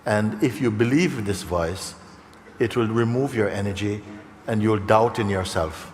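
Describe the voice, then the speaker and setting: A man's voice: lowish voice, a little slow. A man giving a conversational spiritual talk to a live audience. He often checks in with "okay?" and now and then acts out other people's voices. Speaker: spiritual teacher. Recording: long hall reverb, faint background noise.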